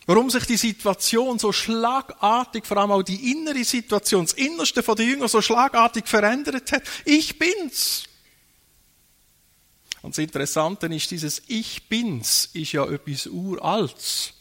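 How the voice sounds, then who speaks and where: A man's voice: sits high, normal speed, few pauses, a bit bright. A man preaching a sermon, dwelling on phrases and repeating key words for emphasis.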